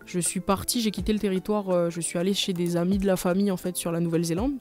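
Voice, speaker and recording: A woman's voice: fairly low pitch, level tone, fast talker, a little mellow, faint music behind. A woman, a company manager explaining her path earnestly in a radio studio interview. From New Caledonia. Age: 20s.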